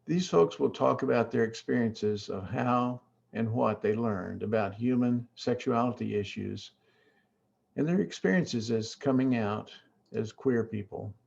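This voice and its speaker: A man's voice: medium pitch, unhurried, creaky, darkish tone, slightly rough, dull audio. A man serving as worship associate, giving a formal, earnest, scripted welcome to a service.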